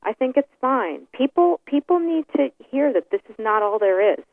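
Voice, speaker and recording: A high, animated female voice at a moderate pace comes through a tinny telephone line with no room sound. She's a New Yorker appearing as a guest in a casual interview, and she talks hesitantly, full of fillers and restarts.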